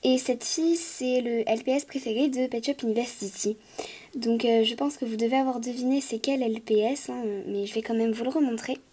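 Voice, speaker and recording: A woman's voice: fairly high pitch, fairly even intonation, a little fast, warm tone, breathy edge. A woman talks casually to viewers as a toy collector, gushing, repeating words and hesitating often. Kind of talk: casual vlog talk to viewers.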